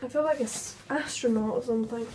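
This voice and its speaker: Holding her phone at arm's length, a young woman talks fast and cheerfully to the camera in a casual vlog, often while out hiking. Her voice is fairly high with a darkish tone. Clips come from a windy hillside outdoors and from indoors, and the phone audio is noisy.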